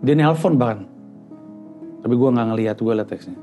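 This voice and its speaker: A man, a father, making a quiet, reflective personal confession and mixing in English phrases. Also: medium pitch, normal speed, faint music behind. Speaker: podcast guest, father.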